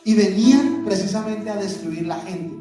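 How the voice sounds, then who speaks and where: A man's voice: high-pitched, animated, moderate pace. A man preaching a sermon as pastor, asking the congregation questions and having them answer back. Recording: echoey hall, voice from far off, music behind.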